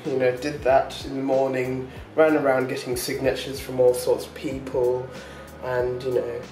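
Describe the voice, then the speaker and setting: A vlogger chats casually with his audience in a mid-range, slightly mellow voice, completely flat in delivery and at normal speed, rambling with many ums, fillers and short laughs. The low-quality recording sounds echoey and distant from the mic, with soft music underneath.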